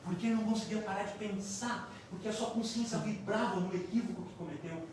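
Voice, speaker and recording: A man's voice: sits high, fast, darkish tone, very echoey. Male lecturer, dramatic storytelling, far from the mic, faint background noise. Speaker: spiritist lecturer. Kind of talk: public spiritist lecture, storytelling. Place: lecture hall.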